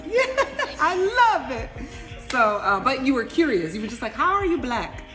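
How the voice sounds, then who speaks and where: A slightly high-pitched woman hosts a casual chat in a restaurant. She is animated and quick to laugh, often turning to speak to her viewers. Music plays clearly behind her. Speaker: interviewer, vlogger.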